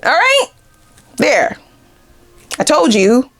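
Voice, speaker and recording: A woman talks through a casual tarot reading. Her pitch swings widely and she breaks into giggles often. She drops curse words freely and keeps things animated. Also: very slow, slight background noise. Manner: giggly, animated, frequent swearing. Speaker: tarot reader.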